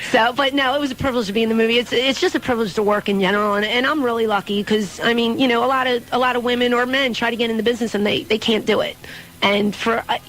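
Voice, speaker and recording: A woman's voice: fairly high pitch, steady tone, quick pace, fairly bright tone, poor audio. A young adult woman, a pro wrestler, talking casually as a radio guest and often repeating words and restarting her sentences. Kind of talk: casual radio interview chat.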